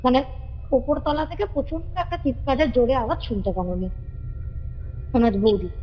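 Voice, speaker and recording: A woman calling in relates a family ghost story in a warm, high, expressive voice, talking a little fast and conversationally while repeating phrases as she circles back. The reverberant call recording has background music and a faint hiss or hum.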